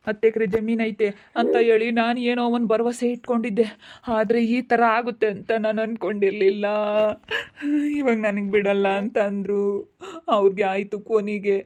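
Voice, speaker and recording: A woman's voice: medium pitch, level tone, normal speed, a little mellow, natural voice. A woman playing a grieving farm woman lamenting her lost land. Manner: lamenting, repetitive pleading speech. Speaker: actor in a village family drama. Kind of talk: amateur family drama acting.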